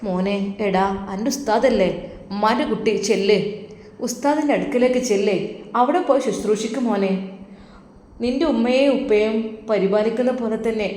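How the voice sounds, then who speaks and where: A loving mother who keeps gently insisting, voiced by a woman narrator. Her tone is warm and mellow. She repeats her urging with tender firmness. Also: fairly high pitch, normal speed, long pauses, reverberant, long reverb tail, lightly acted.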